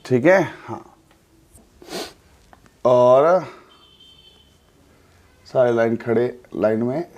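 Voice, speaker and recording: A man teaching an exam coaching class in a chatty way, asking and answering his own quick questions and repeating key points. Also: mid-range voice, darkish tone, lo-fi sound. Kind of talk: classroom lecture.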